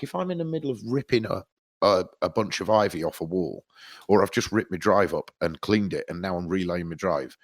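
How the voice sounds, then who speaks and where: A man in his thirties, co-hosting a podcast in casual chat, telling sweary, animated stories. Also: sits low. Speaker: podcast co-host.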